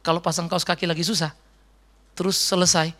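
A middle-aged man preaching a sermon as a pastor, in a conversational, animated way. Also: a little high, a little fast. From Indonesia. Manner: conversational, animated storytelling with mimicked voices.

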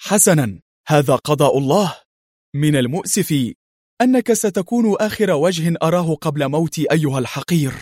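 A man voicing a calm, stern male hero agent with a firm, controlled manner. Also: on the high side, fairly quick, no echo, studio quality.

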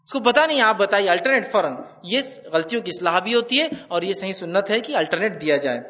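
A man giving an animated religious lecture, repeating his points and asking listeners rhetorical questions. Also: high-pitched, recorded from a distance, muffled recording. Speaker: Islamic lecturer.

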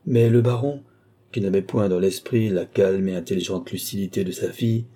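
A man reads a classic novel aloud in a measured, even way. His voice sits low and dark, with a husky edge to it. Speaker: audiobook narrator. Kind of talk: scripted narration of a classic novel.

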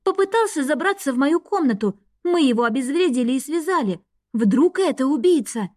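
A stubborn young student girl, voiced by a woman reader, lively and insistent in a fairly high voice. The reading is dry and close, like a storybook audiobook. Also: fairly quick, dry recording.

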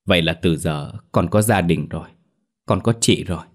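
A man's voice: low-pitched, moderate pace. A man voicing an earnest, tearful young orphan woman in a spoken storybook.

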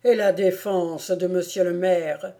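A stout, good-natured old village policeman, voiced by a woman reader, who speaks slowly and loudly with jovial authority. The pace is unhurried and heavy, and the tone is low and mellow. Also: steady tone. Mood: hesitant.

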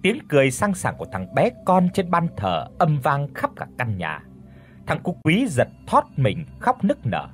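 A man narrating a scripted ghost story audiobook in an animated, dramatic way. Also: a little high, measured pace.

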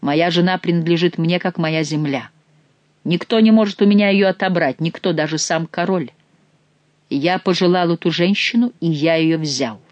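Man doing a proud nobleman, calm, restrained, deferential, impassive, even tone, dry voice. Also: on the high side, normal speed, no echo, dull audio, close to an everyday voice. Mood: quietly threatening. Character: cold, proud male nobleman, the prince's master of the hunt.

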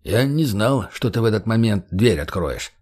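A man's voice: lowish voice, expressive, moderate pace, a little mellow. A burly, blunt young man , as a male narrator voices him talks casually and crudely, close to the narrator's own voice. He sounds easygoing and unbothered in this audiobook.

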